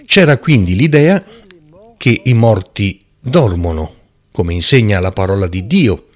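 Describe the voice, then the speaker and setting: Male preacher, lower voice, very expressive pitch, slow and emphatic Bible teaching. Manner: emphatic, deliberate, rhetorical.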